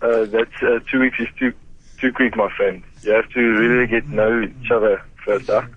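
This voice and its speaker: An agitated South African man with an Afrikaans accent, speaking bluntly and haltingly on the phone as he scolds. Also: fairly low pitch, steady tone. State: agitated, shaken. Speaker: prank call victim, protective brother. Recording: noisy phone line with clicks.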